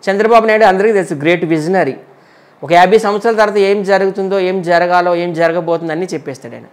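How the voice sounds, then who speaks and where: This high-voiced man, an entertainer from Andhra Pradesh, talks casually during an interview. He hands out quick, blunt verdicts in single lines.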